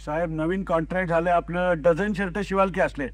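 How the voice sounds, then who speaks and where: A man voicing a calm, cheeky middle-aged washerman who answers everything deadpan. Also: high-pitched, brisk, no room sound, lightly acted.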